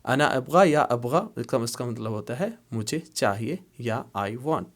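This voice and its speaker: A middle-aged man teaches everyday phrases in a calm, steady lesson voice. His pitch sits in the ordinary middle range. He repeats each example slowly and patiently. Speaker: language teacher. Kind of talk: explaining Arabic phrases in Urdu.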